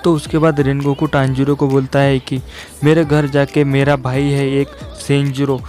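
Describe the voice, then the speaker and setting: A man's voice: medium pitch, flat delivery, normal speed, darkish tone. A young man casually retelling an anime episode as a recap narrator, who keeps saying "guys" and "yaar" as he goes. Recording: faint music behind.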